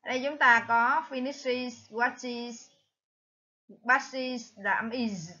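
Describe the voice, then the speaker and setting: A woman teacher with a Vietnamese accent, slowly reviewing exam answers and reading each word aloud. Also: fairly high pitch, bright, forceful tone, lo-fi sound. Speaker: English teacher.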